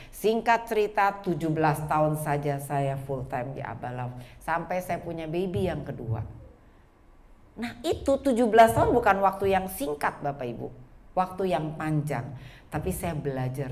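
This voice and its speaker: Lively, animated woman in her 40s preaching in a church, casual and direct with the congregation. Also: low-pitched. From Indonesia. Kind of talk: sermon with personal testimony.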